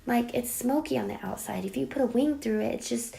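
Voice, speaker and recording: A young woman with a raspy voice from a cold, chatting playfully and dramatically through a makeup tutorial, sometimes dropping to a whisper. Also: on the high side, brisk, warm tone. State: getting over a cold. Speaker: beauty vlogger. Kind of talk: casual makeup tutorial chat.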